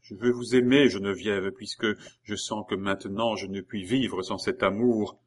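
A man's voice: fairly low pitch, steady tone, normal speed, lightly acted. A man reading aloud, voicing a jealous, ardent young man in love with an intense, earnest delivery. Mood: passionate. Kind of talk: audiobook character voice.

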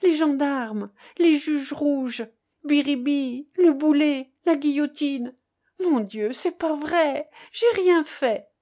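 A woman's voice: high-pitched, slow pace, mellow, pitched above the performer's own voice. A woman reading aloud, voicing a feverish, terrified young boy who cries out in anguish. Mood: frantic.

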